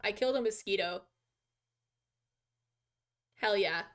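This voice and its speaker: A woman's voice: mid-range voice, slow pace, fairly bright tone, slight background noise. A woman chatting casually on a game livestream in a hyped, slangy gamer manner, exclaiming and giggly. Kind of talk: casual, excitable gaming livestream chat.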